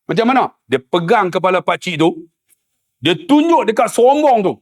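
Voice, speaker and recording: Male preacher, comic storytelling, high voice, talks to the crowd. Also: moderate pace. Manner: animated storytelling with comic asides; addresses the audience as tuan-tuan. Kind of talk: humorous religious lecture.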